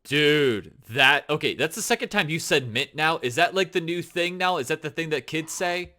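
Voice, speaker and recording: Bright-voiced guy co-hosting a gaming podcast, talks fast and rambly, lots of "like". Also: on the high side. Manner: excitable, rambling with many fillers. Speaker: podcast co-host. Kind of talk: casual chat.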